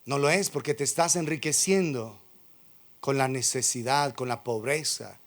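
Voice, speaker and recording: A man's voice: medium pitch, moderate pace, a bit bright. A man preaching a sermon as pastor, firing rhetorical questions and acting out imagined excuses. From Colombia.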